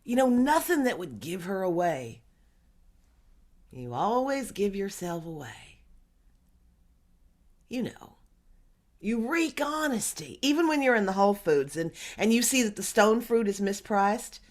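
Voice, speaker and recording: A woman's voice: mid-range voice, sing-song. An actress playing a woman who muses wryly about her therapist in a stage monologue. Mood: musing. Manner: musing, wry, unhurried. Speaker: stage actor. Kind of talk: theatrical monologue.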